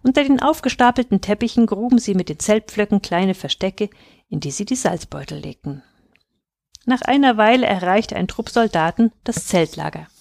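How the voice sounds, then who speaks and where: Gentle woman telling a bedtime tale. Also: medium pitch, no echo, studio quality. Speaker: storyteller. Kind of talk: bedtime storytelling to children.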